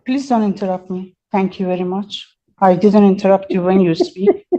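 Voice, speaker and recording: A woman's voice: mid-range voice, normal speed, warm tone, muffled recording. A woman representing herself in court, pleading her case insistently and formally to the judge. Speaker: self-represented defendant. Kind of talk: courtroom argument.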